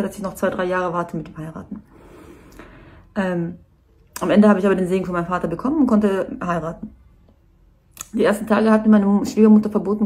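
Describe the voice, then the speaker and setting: A woman's voice: mid-range voice, darkish tone. A nervous woman giving a personal statement to camera, earnest and hesitant.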